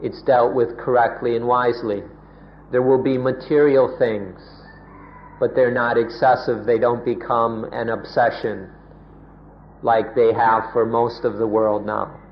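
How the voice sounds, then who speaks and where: A man translating a Buddhist talk into English, measured and careful, with pauses and restarts. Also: medium pitch, level tone. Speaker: interpreter. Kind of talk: slow spoken translation. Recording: muffled tape with faint hiss.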